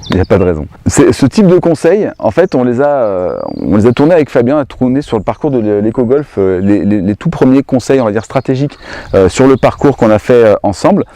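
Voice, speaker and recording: A man's voice: mid-range voice, animated, a little fast, dark tone, dry recording. A man hosting a golf lesson, talking in a casual, hesitant, explanatory way. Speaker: golf course host. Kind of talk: casual instructional chat.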